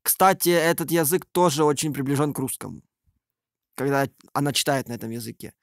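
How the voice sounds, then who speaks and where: Creaky-voiced man commenting casually. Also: medium pitch, fairly quick, dry recording, clean studio sound. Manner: hesitant, improvised, thinking aloud. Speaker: video creator. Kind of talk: casual screen-recording commentary.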